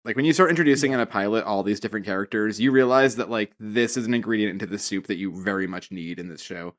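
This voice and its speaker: Man, low voice, rapid delivery, blunt opinionated podcast co-host. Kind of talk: casual chat.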